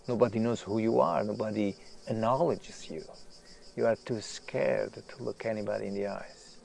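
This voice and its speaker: This man performs a gravelly, low-voiced, brooding writer in a naturalistic audio drama monologue: a famous author who is anguished, restless, self-doubting, and self-deprecating. Intense throughout, he swings between hushed and emphatic tones, over clear background hiss and the ambience of nature outdoors.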